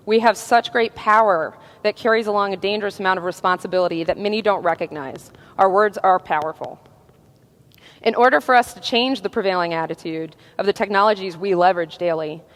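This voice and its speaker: A woman giving a prepared talk at a conference, speaking in a measured way with frequent "uh" fillers. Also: medium pitch. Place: conference hall. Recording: long hall reverb.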